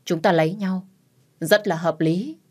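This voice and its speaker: A woman's voice: fairly low pitch, steady tone, a little slow, a little mellow. Woman voicing a smug teasing young man. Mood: mocking. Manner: mocking, offhand.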